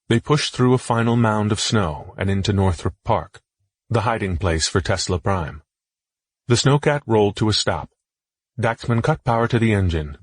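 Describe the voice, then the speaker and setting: An audiobook narrator gives scripted narration of a fantasy book in a steady, measured manner, his voice low and slightly husky. The recording is close and dry, with no room sound or echo.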